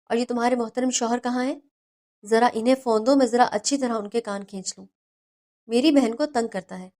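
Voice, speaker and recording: A man's voice: very high voice, a little mellow. A woman voicing a caring older brother who talks fondly and teasingly to his younger sister on the phone in a storybook reading. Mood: affectionate.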